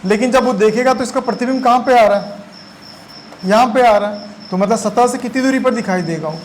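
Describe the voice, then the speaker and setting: Man, physics teacher, classroom lecture, high-pitched voice, constantly quizzing students. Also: brisk, slight background noise, low-quality recording. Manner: chatty, quizzing students often.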